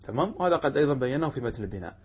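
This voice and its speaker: Brief: male lecturer, husky and fast, dull lo-fi recording, quizzes the class and answers himself. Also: mid-range voice, big pitch swings. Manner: asks students questions and answers them himself; reads quoted passages slowly and deliberately. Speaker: teacher of Arabic rhetoric. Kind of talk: classroom lesson explaining a text.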